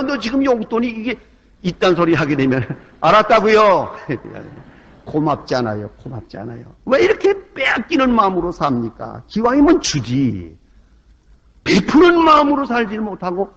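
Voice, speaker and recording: Impassioned male pastor on an old tape. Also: fairly high pitch. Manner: impassioned, swings from loud exclamations to hushed asides; acts out quoted voices in the story. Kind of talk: sermon. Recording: dull lo-fi 1998 sermon tape.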